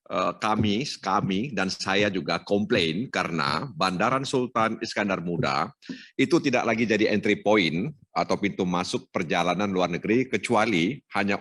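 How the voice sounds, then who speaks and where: A man's voice: low-pitched, a bit bright. A man, a member of parliament, speaking at a hearing and making a plain, earnest complaint. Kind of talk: formal comment at a hearing.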